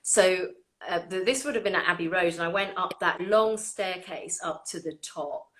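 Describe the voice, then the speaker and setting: A woman hosting a casual chat, animated and laughing often as she tells stories. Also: lowish voice, moderate pace. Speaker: orchestra violinist and host.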